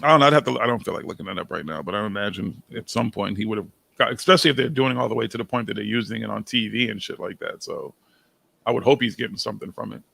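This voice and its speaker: Gravelly profane man chatting. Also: on the low side, fast talker, pushed and bright, no room sound. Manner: profane, laid-back banter. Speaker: stream host. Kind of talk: casual group chat.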